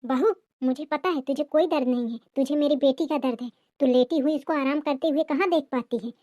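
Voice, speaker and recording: A woman's voice: sits high, a little fast, dark tone, dry recording, clean studio sound, lightly acted. A woman voicing a harsh, scolding middle-aged mother-in-law in a cartoon family drama. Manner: scolding, accusing.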